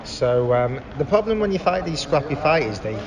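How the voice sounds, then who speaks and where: A man's voice: a little high, sing-song, normal speed. A man conducting a casual sports interview, chatty, asking long leading questions. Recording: long echo, busy crowd behind.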